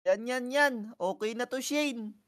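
Brief: woman co-star in a block-game role-play, fairly high voice, jittery and giggly. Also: measured pace, a bit bright. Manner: panicky, giggly.

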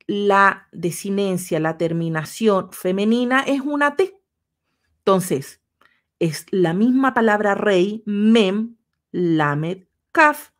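Woman lecturing on a livestream, goes through slides patiently bit by bit. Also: medium pitch.

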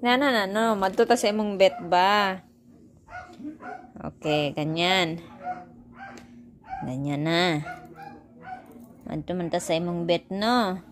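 A woman's voice: lowish voice, takes it slowly, long pauses, a little hiss or hum. A woman, casually chatting to her viewers and baby-talking to her pet dog. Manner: mixes Tagalog, Bisaya and English, coos baby talk to her dog. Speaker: vlogger.

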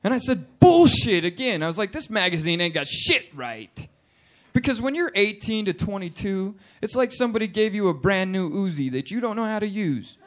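A man doing a crude, animated stand-up routine in a bar and grill, acting out characters as he goes. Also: high-pitched, moderate pace. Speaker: stand-up comedian.

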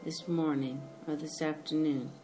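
Woman host, spoken prayer, low-ish voice, unhurried, fervent, music under her. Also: fairly even intonation. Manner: slow, fervent, repeating thanks. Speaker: podcast host leading prayer. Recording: music playing behind.

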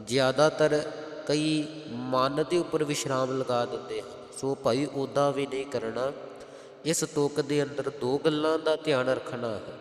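A man with a Punjabi accent teaching careful scripture recitation, chanting verses slowly and then explaining their pronunciation. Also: mid-range voice, steady tone. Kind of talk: slow, careful recitation lesson. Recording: roomy, long hall echo.

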